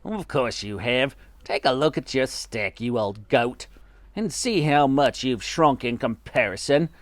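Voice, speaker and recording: A man's voice: mid-range voice, expressive, measured pace, no room sound, natural voice. A man voicing a mean, scheming old husband in a storybook, gloating with taunting emphasis and mock solemnity.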